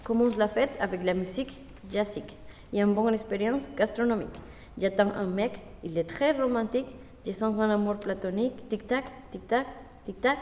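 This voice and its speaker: A woman's voice: medium pitch, moderate pace, a little mellow. A woman giving a rhythmic poem recitation, chanting a repeated refrain in time. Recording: echoey hall from far off.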